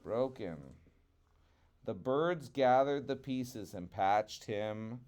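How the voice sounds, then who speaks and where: A man telling a children's trickster tale as storyteller, dramatic, with swelling phrases and hushed endings. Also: mid-range voice, very slow. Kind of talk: expressive children's storybook narration.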